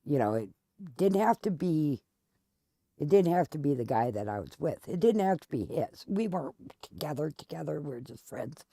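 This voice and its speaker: Gravelly-voiced woman chatting while gaming. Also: low voice, very animated, normal speed, mellow, no room sound, clean studio sound. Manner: rambling, chatty storytelling with many restarts. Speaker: gaming channel host. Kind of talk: casual chat while playing a game.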